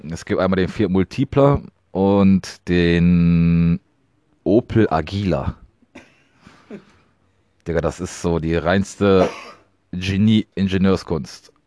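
A man's voice: low voice, slow, long pauses, warm tone, dry recording. A young man co-hosting a podcast, telling rambling stories in casual chat full of slang. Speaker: podcast co-host.

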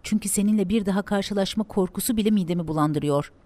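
Woman voicing a venomous, shouting twin sister. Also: mid-range voice, fast, lightly acted. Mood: hateful. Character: bitter hateful young woman, the twin sister.

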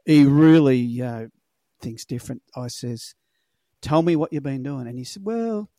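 A man's voice: mid-range voice, moderate pace, warm tone, dry recording, studio quality. An Australian man with a laconic, colloquial way of telling rambling stories in a casual podcast chat, swearing freely. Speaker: podcast guest, lure fisherman.

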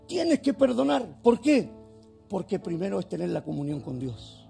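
High-voiced gravelly man preaching. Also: very animated, moderate pace, dark tone, faint music behind. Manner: fervent preaching with rhetorical questions. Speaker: pastor. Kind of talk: sermon.

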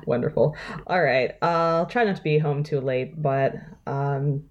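A woman's voice: low voice, takes it slowly, muffled recording. Woman playing a chipper friendly housemate.

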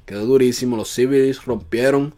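A man's voice: mid-range voice, fairly even intonation, brisk, warm tone. A man co-hosting a podcast in casual, teasing banter, slipping English words into his talk. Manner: teasing, mixes English into Spanish. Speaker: podcast co-host.

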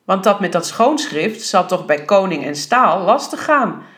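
A woman's voice: mid-range voice, very animated, measured pace, a bit bright. Woman reading as a male schoolteacher, practical, matter-of-fact, mildly reproachful, storybook reading.

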